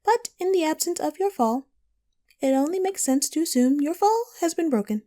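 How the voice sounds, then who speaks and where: A woman voicing a teasing, riddling female cat from Wonderland in an audio roleplay, coy and playful with drawn-out, whimsical phrasing. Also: sits high, expressive, dark tone. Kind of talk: scripted audio roleplay addressed to the listener.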